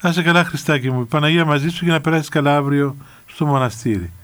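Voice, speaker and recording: An older man, a priest answering radio callers in a gentle, fatherly, calm way. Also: on the high side. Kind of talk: radio phone-in counsel.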